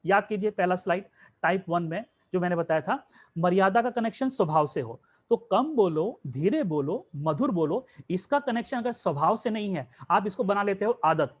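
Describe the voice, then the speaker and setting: Man, spiritual teacher, conversational class talk, repeats phrases, rhetorical questions. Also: high voice. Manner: conversational, mixing in English words.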